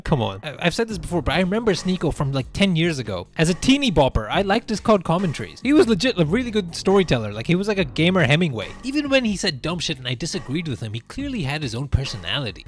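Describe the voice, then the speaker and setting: A man doing sarcastic video commentary, mocking and incredulous, with casual swearing. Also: a little high. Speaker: commentary youtuber.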